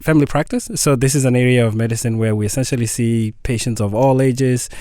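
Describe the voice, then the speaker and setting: A man's voice: mid-range voice, steady tone, quick pace, dark tone, dry recording, studio quality. Earnest man on radio. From Kenya. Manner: earnest, explanatory. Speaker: guest, family nurse practitioner. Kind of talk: radio interview.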